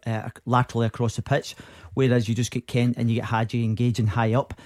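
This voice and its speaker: A Scottish man giving football analysis on the radio in a rapid, chatty way, often repeating words as he thinks. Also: mid-range voice, level tone, a little mellow, dry recording, clean studio sound. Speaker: football pundit.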